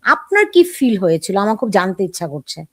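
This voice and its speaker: A woman's voice: mid-range voice, very animated, a little fast, fairly bright tone, no room sound. A middle-aged woman hosting a political talk show, asking probing questions in a conversational way.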